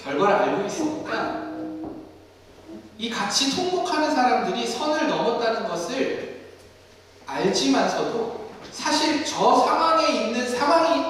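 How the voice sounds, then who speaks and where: A male pastor preaching a sermon in an animated way, acting out scripture scenes in different voices, in a basement studio used for church services. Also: extremely high pitch, a little hiss or hum. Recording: echoey hall from far off.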